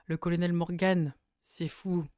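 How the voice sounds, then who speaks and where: Excitable young-sounding man, smooth dry voice. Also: sits high, a little slow, no echo. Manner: hesitant, many fillers, bursts of excitement. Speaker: YouTuber reviewing casting photos. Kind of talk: casual spoken commentary.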